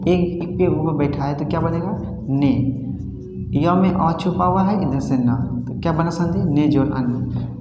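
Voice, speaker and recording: Guy teaching grammar slow, bhojpuri-ish accent, asks then answers himself, big echoey room. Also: on the high side. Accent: Bhojpuri-tinged Hindi. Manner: drills with questions and answers, repeating key syllables. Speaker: Sanskrit teacher. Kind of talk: classroom grammar lesson. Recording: roomy echo with long reverb, faint music.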